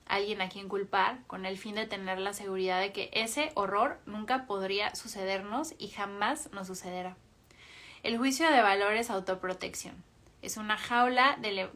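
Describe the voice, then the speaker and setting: A woman reading a book aloud for a book club, in a calm, measured way with small self-corrections. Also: medium pitch.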